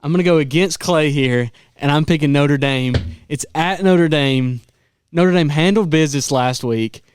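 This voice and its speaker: A man's voice: on the high side, normal speed, a little hiss or hum. A man on a sports talk panel making his pick in a casual, plain-spoken way.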